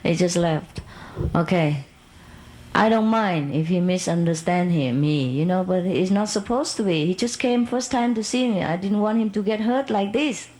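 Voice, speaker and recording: A woman's voice: on the low side, moderate pace, a little mellow, low-quality recording. A woman telling a long personal story in casual, non-native English, rambling and laughing as she goes.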